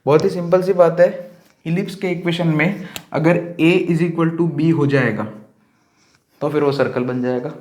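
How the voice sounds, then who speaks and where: A man's voice: a little high, steady tone, a little slow, a little mellow. Patient man teaching maths, echoey room. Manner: patient, repeats key terms, self-corrects. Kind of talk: lecture explaining on a board.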